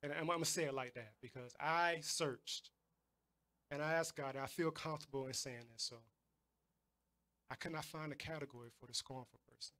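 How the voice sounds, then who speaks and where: A man's voice: fairly high pitch, steady tone, a little fast, sharp tone. Emphatic male preacher, repeating for stress. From United States. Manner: emphatic, repeats words when stressing a point. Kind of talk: sermon.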